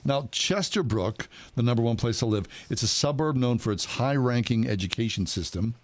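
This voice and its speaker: A man co-hosting casual radio talk, reading out items with deliberate emphasis. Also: medium pitch, no echo. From Pittsburgh area, USA. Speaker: radio co-host.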